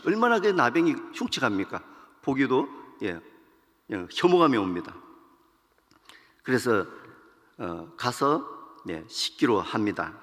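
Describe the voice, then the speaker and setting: A male pastor preaching in an animated, storytelling way and acting out the characters' lines. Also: medium pitch, long reverb tail. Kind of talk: storytelling sermon.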